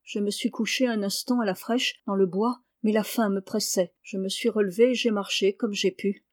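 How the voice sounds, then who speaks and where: A woman reading the part of a weak, hungry peasant boy who speaks faintly and quietly. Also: medium pitch, steady tone, moderate pace, no room sound, studio quality, close to an everyday voice.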